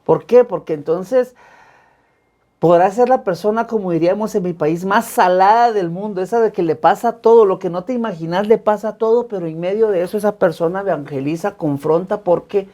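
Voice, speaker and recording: Hombre religioso, entrevista, voz oscura y relajada, habla fervorosa y pausada. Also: male voice, sits high, warm tone, dull audio. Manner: earnest, emphatic repetitions. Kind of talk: personal faith testimony in conversation.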